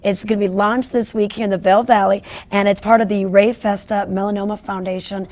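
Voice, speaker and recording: A woman's voice: mid-range voice, steady tone, brisk, darkish tone. Chatty woman morning show host. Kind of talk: upbeat TV interview. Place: TV studio.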